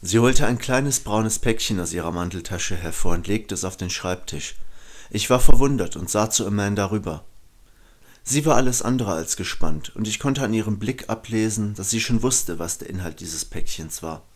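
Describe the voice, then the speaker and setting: A man with a lowish voice and lively intonation, speaking at normal speed, plays a brooding, conflicted killer in a German audio drama. He delivers introspective first-person narration.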